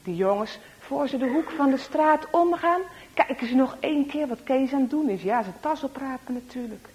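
A woman telling a story to children, expressive and sometimes dropping to a hushed whisper for suspense. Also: high-pitched, moderate pace, slight background noise. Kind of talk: children's story read-aloud.

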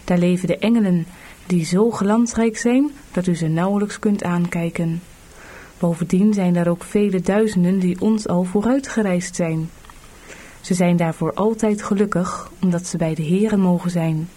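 A woman's voice: on the low side, steady tone, normal speed, dark tone, lightly acted. A woman voicing a weary, burdened male pilgrim in a storybook audiobook, earnest and plain.

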